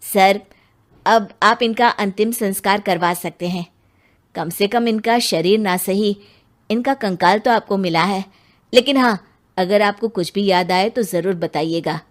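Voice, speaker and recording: A woman speaking at a measured pace in a mid-range voice close to her everyday one voices a dutiful male police inspector for a Hindi cartoon. Her character politely and earnestly asks questions, calling people sir.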